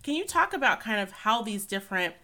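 A woman hosts a podcast interview, her tone bright and forceful. She asks long questions in a playful, teasing way. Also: mid-range voice, big pitch swings, a little fast. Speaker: podcast host.

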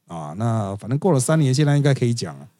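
A man's voice: mid-range voice, very animated, quick pace, dark tone, no echo, clean studio sound. A man with a Taiwanese Mandarin accent hosting a podcast, giving chatty, gossipy, wry political commentary. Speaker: podcast host.

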